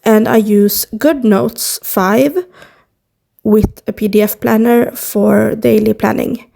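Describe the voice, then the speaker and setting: With a Swedish accent, a young Swedish YouTuber talks casually to camera, hesitating and filling pauses often. Her voice is a little high, slow and creaky, mellow, with fairly even intonation, recorded on a device mic rather than an external one.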